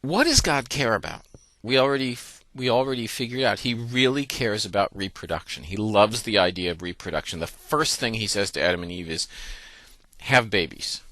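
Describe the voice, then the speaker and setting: A man's voice: on the low side, animated, fairly quick, fairly bright tone, no echo. A man, a university professor, lecturing in a playful, jokey way and acting out the text. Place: classroom.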